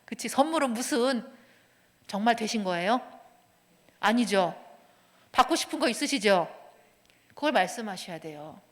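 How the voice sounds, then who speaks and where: Lively woman counselor in an echoing church. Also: on the high side, moderate pace, long pauses. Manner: lively, acts out quoted dialogue, drops to a hushed whisper for emphasis. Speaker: counselor giving a talk. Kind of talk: lecture to young adults. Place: church hall.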